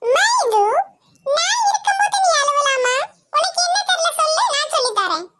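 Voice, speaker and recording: A cocky teenage cartoon schoolboy brags to a girl and waves off his friend. His voice sits very high and bright. He talks. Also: big pitch swings, moderate pace, heavily acted. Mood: boastful, sweet. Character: boastful teenage schoolboy show-off.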